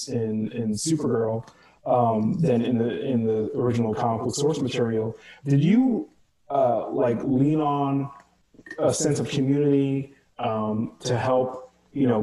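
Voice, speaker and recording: A middle-aged man moderates a video-call panel. He is conversational and searching, and fills his pauses as he frames questions. A steady crowd murmur runs behind his mid-pitched voice. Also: rough recording. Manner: conversational, searching, many fillers. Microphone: wired earbuds on a video call.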